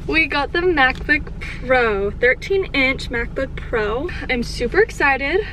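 A young woman chatting excitedly to camera in a casual vlog. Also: sits high, slow pace, a little hiss or hum. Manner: bubbly and excited. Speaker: vlogger.

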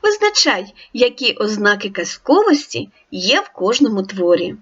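Woman teacher recording a children's reading lesson; high, lively, encouraging, dull recording. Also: a little slow. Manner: clear, encouraging instructions to the child. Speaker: primary school teacher.

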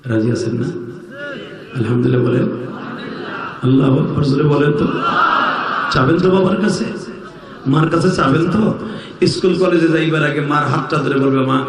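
A man's voice: a little high, normal speed, long pauses, noisy background. A man from Bangladesh preaching an emotional, sing-song sermon to an outdoor crowd. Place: outdoor religious gathering. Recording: echoey open-air PA sound.

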